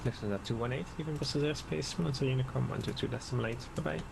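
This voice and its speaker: A man's voice: medium pitch, rapid-fire, creaky. A man working as an air traffic controller, giving clipped instructions over aviation radio. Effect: aviation radio transmission.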